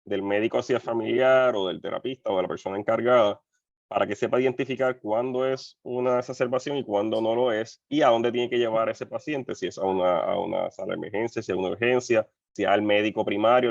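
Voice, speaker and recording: A man's voice: lowish voice, steady tone, fast talker, gravelly, no room sound. A man, a physician speaking earnestly on an online panel and repeating his key points. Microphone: video call. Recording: muffled video-call audio.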